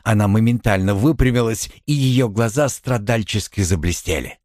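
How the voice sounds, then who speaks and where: A man narrating an audiobook in an expressive, dramatic reading style. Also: lowish voice, normal speed, no room sound, clean studio sound.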